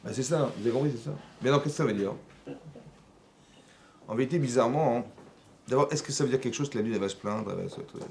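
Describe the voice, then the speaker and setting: Un homme à l'accent français enseigne avec vivacité et met en scène des dialogues. Sa voix se tient dans un registre moyen, avec un faible souffle de fond. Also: male voice, mid-range voice, fast talker, gravelly, pauses often, a little hiss or hum. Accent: French. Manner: animated, acts out dialogues, asks the audience questions. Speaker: rabbi teaching a class. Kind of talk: lively religious lesson. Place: synagogue class room.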